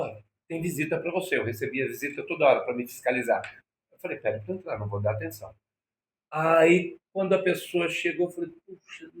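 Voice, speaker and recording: A man's voice: fairly high pitch, a bit bright. A man with a Brazilian accent telling a personal story as an interview guest, acting out quoted dialogue with shifting voices. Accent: Brazilian Portuguese. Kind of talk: anecdotal storytelling. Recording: echoey room.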